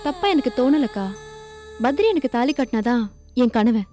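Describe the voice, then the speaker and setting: Brief: an earnest young woman, mellow voice, light music under. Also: high-pitched, lively intonation, moderate pace. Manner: earnest and determined. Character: devoted young woman, resolute. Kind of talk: TV serial acting.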